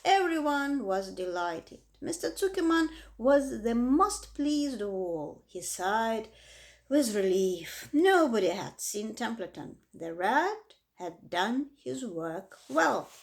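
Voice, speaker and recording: A woman reading a children's book aloud with expressive, dramatic emphasis. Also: a little high, takes it slowly. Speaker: reader. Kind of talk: storybook read-aloud.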